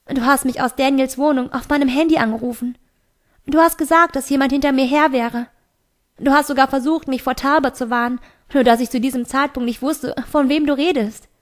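A desperate teenage girl pleads in a raised, urgent voice, as a woman reading a storybook aloud puts her on. The voice sits fairly high and insistent, begging to be heard. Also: steady tone, a little fast, natural voice. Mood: pleading, urgent.

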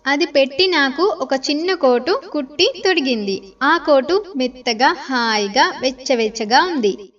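A woman narrating a bedtime story in an expressive, lively storytelling manner. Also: high-pitched, measured pace. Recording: slightly distant, dull lo-fi sound.

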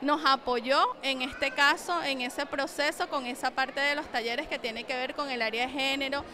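A woman's voice: high voice, moderate pace, background noise. A Venezuelan woman in her forties, a bank coordinator, explaining a loan program in a street interview in a crowded hall. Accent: Venezuelan Spanish. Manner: steady, official-sounding explanation. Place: large crowded community hall. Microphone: handheld reporter mic. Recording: music playing underneath.

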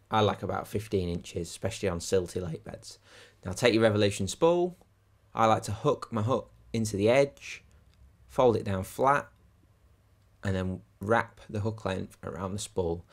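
A man's voice: sits low, no room sound. Man explaining a fishing setup. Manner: practical, chatty step-by-step explaining. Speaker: angler demonstrating fishing rigs, channel host. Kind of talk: instructional how-to talk. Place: outdoors by a lake on a windy day.

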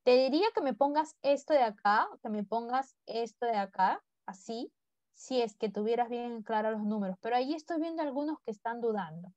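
A woman's voice: fairly high pitch, a little fast, darkish tone, no echo, lo-fi sound. A woman teaching English to a class online, speaking mostly Spanish and coaxing her students to repeat words after her. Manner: coaxing, drills pronunciation by repeating.

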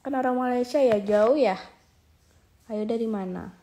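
A woman's voice: fairly high pitch, measured pace, mellow. A young woman in her twenties from Aceh, chatting casually on a phone live stream while lying in bed, reading viewer comments aloud and coaxing them to join her. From Aceh, Indonesia. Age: 20s. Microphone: phone held at arm's length.

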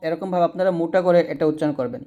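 Over narrow, tinny audio, a man with a fairly high voice teaches Quran reading. He patiently repeats every letter sound slowly so the learners can copy him.

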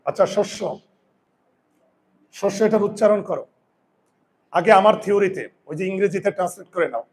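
A man's voice: high-pitched, fast, darkish tone. A man teaching pronunciation, explaining step by step and often asking his students questions. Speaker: Bengali grammar teacher. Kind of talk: whiteboard pronunciation lesson.

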